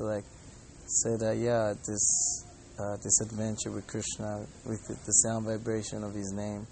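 Slightly low and gravelly, a man chats casually, sharing stories and reflections. He hosts a podcast and is a Hare Krishna devotee, speaking from an airport departure gate where faint background noise can be heard.

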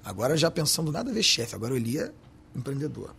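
A man's voice: medium pitch, very animated, fast talker, vocal fry, fairly bright tone, a little hiss or hum. A man with a Carioca accent, a restaurant owner talking in an interview, slangy and emphatic. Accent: Carioca Portuguese. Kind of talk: podcast interview.

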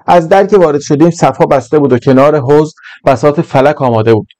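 A man narrating a short story in an even, measured reading voice. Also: on the high side, dry recording. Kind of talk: scripted narration.

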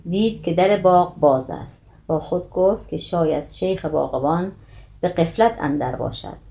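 Lady reading an old tale out loud, kinda low and warm, steady pace. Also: gravelly. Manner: steady old-fashioned literary reading, voicing quotes lightly. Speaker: storyteller. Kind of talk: reading a classical tale aloud.

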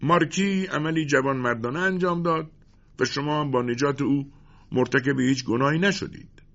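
A man's voice: mid-range voice, fairly bright tone, muffled recording, voice pushed up, lightly acted. A man voicing a loyal, passionate soldier in a storybook reading. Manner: passionate, pleading. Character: loyal gruff male soldier.

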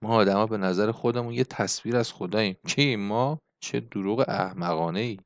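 A man voicing an older male Greek laborer in an audiobook, blunt and fiery, with a gruff, scornful manner. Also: on the low side, no room sound, lightly acted. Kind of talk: audiobook character reading.

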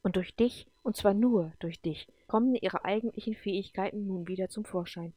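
A woman's voice: medium pitch, moderate pace, mellow, dry recording, natural voice. Iliades, a woman voicing a serene guardian spirit. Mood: gentle solemn.

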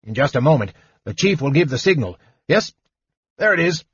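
A man voicing a fussy, excitable male gnome official who chatters fast, explaining everything eagerly. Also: a little high, husky, no echo, muffled recording, full character voice.

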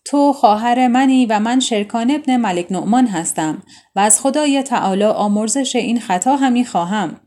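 A woman voicing a grieving, stern young prince in a storybook tale, speaking low and gravely. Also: lively intonation, dark tone, close to an everyday voice. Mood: troubled.

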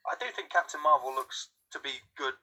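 A young British man chatting casually as a podcast guest, enthusiastic and quick to agree. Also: fairly high pitch, sharp tone, low-quality recording. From United Kingdom. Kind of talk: casual chat.

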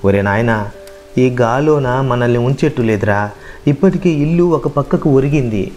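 A man voicing an elderly village grandmother who scolds roughly but comforts tenderly, in a rustic way of talking. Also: medium pitch, moderate pace, darkish tone, faint music behind, close to an everyday voice. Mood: soothing. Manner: rustic scolding, then soothing.

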